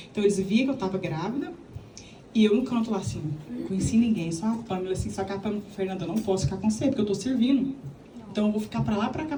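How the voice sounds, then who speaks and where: A woman from Minas Gerais, Brazil, with a Minas Gerais accent, telling her personal testimony to a live audience in an animated, chatty way and acting out the dialogue. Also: mid-range voice, roomy sound, distant mic, a little hiss or hum, rough recording. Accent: Minas Gerais Brazilian Portuguese. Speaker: speaker giving a church testimony.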